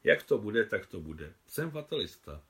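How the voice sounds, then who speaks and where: A man's voice: on the low side, very animated, a bit bright. A man reading aloud the lines of a tired, fatalistic male army doctor who speaks bluntly. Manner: blunt, world-weary.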